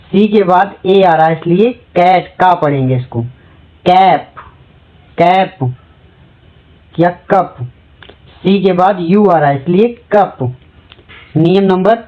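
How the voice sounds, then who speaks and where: Slow, patient spelling teacher, dull recording. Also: medium pitch. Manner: asks questions and answers them, repeats words slowly. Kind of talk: spelling lesson in Hindi.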